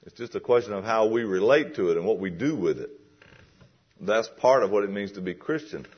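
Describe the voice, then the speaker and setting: A man's voice: fairly low pitch, animated, fairly quick, husky, muffled recording. A man preaching a sermon in a conversational way that builds to emphatic questions.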